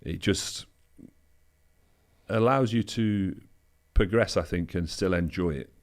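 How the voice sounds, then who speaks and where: Guest spot: a man with a very low voice, relaxed anecdotal talker. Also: takes it slowly. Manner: easygoing anecdotal storytelling, loose with fillers. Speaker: bodybuilder guest. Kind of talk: casual interview chat.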